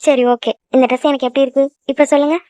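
Woman doing a high quick-talking jealous girlfriend in a cartoon, sulky and snappy, dry close sound. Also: flat delivery, warm tone, no room sound, close to an everyday voice. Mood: curious, pleading. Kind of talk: cartoon voice acting.

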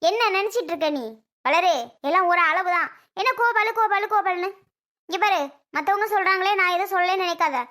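A woman's voice: fast, sharp tone. A woman playing a bossy elder sister who lectures and scolds at length, in speech. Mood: lecturing. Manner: scolding, lecturing, rising shrill outbursts. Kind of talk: homemade family drama skit.

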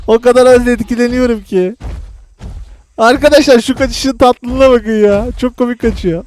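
Excitable guy doing lets-play commentary, chatty and teasing, talks straight to his viewers. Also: very high voice, measured pace, long pauses. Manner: slangy and teasing with a friend. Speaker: gaming channel host.

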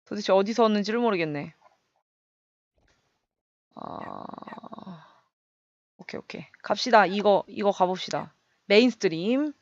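A young woman casually commenting on her gameplay, chatty and excitable, making little sound effects as she fights. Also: medium pitch, unhurried, pauses often, no room sound, lo-fi sound. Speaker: game streamer.

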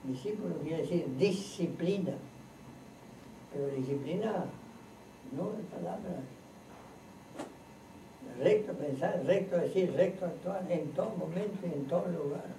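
Slow-speaking man teaching in a roomy home. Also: on the high side, noisy background. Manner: slow, earnest, preacherly with lists and repetitions. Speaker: spiritual teacher. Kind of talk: informal teaching talk to a group. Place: room in a private home. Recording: roomy, distant home recording.

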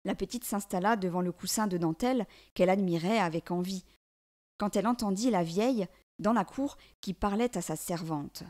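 Gentle woman reading a storybook aloud. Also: medium pitch. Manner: gentle, measured, expressive.

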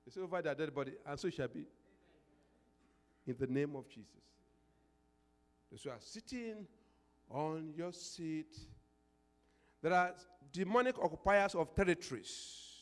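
An older man preaching a sermon as a pastor, emphatic, repeating phrases and posing call-and-response questions into a handheld microphone. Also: sits high. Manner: emphatic, swelling into prayer declarations. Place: indoor church stage. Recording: reverberant church hall.

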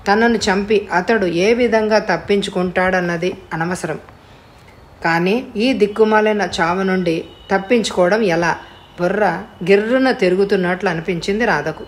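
A woman narrating an audiobook story in a steady, even manner. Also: medium pitch, normal speed. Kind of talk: scripted narration.

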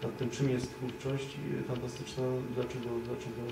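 A young man speaking on a panel at a live event, halting, with many fillers and restarts, recorded by a far camera in a dim room. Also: medium pitch, little pitch movement, reverberant, noisy background. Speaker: panelist, editor of a story collection. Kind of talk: panel discussion.

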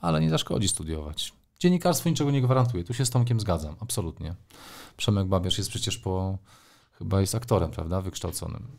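A man's voice: deep voice, expressive, a little fast, gravelly, darkish tone. A middle-aged man, a sports journalist, answering interview questions thoughtfully, with frequent hesitations and fillers.

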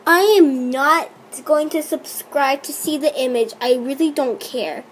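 High-voiced excitable young woman gamer. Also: unhurried, slight background noise. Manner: excitable, teasing, exasperated running commentary. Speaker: YouTuber playing a chat-story app. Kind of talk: reacting while reading a texting game aloud.

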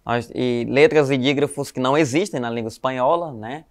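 A man with a Brazilian Portuguese accent teaching a Spanish class to schoolchildren, explaining patiently and tagging sentences with "né?" and "tá?". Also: medium pitch. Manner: explanatory, frequent "né?" and "tá?" tags; calls students "galerinha", spells letters slowly. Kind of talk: recorded online class for schoolchildren.

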